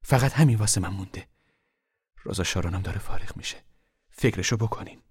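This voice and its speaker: A man voicing a weary, determined poor mother in a novel reading, low and hushed, sometimes forceful. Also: husky.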